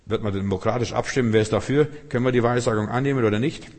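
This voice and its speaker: A male pastor, preaching a sermon and rising loud on key phrases. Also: mid-range voice, racing. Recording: long hall reverb.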